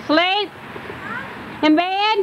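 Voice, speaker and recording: Brief: woman, very high voice, slow chatty teasing, old VHS home video sound with faint hiss. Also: fairly bright tone. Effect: old VHS home video tape. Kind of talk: casual family chat on home video. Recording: dull lo-fi VHS tape with faint hiss, mic off at a distance.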